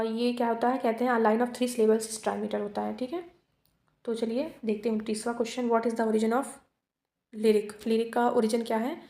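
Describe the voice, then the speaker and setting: A woman teacher going through exam multiple-choice questions, reading each one slowly in English and then explaining it quickly in Hindi. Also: fairly high pitch, a little mellow, reverberant. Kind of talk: exam quiz lesson.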